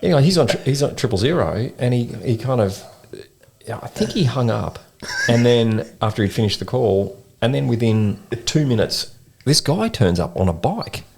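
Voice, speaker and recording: A man with an Australian accent telling a long story in a rambling, animated way, full of slang, as a podcast co-host. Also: medium pitch, moderate pace, gravelly, slight background noise. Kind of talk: casual storytelling chat. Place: in-person podcast recording.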